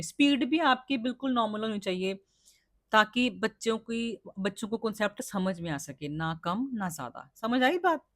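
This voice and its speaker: A woman's voice: mid-range voice, dry recording, studio quality. A woman teacher explaining teaching skills to trainee teachers, who often asks questions and answers them herself and checks that the class understands. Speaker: teacher educator.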